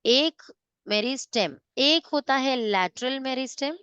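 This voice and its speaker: High-voiced woman teaching class. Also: expressive, unhurried, bright, forceful tone, smooth, no echo, dull audio. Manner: mixes Hindi and English, checks students often. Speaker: science teacher. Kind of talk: online class lecture.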